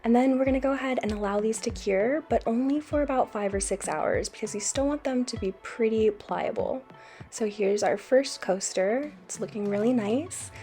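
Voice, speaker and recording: A woman with an American accent talks through a craft tutorial as a voice-over. Her tone is mellow and warm, and she explains each step in a calm, easy way. Soft music plays quietly behind her. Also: fairly high pitch, normal speed. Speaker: craft channel host.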